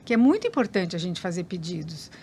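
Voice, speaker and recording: Older woman, lively and fast-talking. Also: on the low side, a little hiss or hum. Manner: animated storyteller, acts out dialogue. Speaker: guest, family counselor. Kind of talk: relaxed interview conversation.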